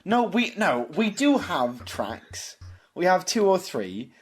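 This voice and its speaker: A man's voice: high-pitched, very animated, slow pace, husky. Welsh man steering the chat. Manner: defensive, steers the discussion. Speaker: podcast co-host. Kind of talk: casual banter.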